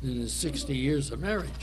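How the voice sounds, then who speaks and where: A man in his eighties telling a rambling, folksy grandpa story in plain words, with a creaky, husky elderly voice. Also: medium pitch, background noise. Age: 80s. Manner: plain-spoken, folksy, meandering step-by-step telling. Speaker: survivor telling his story at a news conference.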